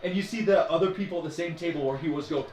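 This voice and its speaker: A man narrating a tabletop game as game master, animated, laughing often and filling his speech with "like". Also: a little high, very fast, roomy sound, slight background noise, low-quality recording.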